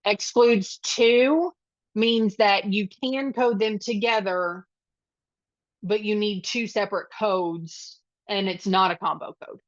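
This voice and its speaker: A woman's voice: mid-range voice, fairly even intonation, measured pace, no echo. Woman running an online study group, chatty, lots of ums, dull dry video call sound. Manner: chatty and reassuring, many filler ums. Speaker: medical coding instructor.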